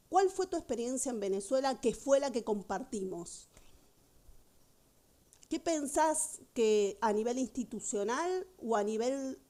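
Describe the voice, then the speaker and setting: A woman conducting an academic interview, asking questions in a measured, explanatory way. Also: fairly high pitch, warm tone.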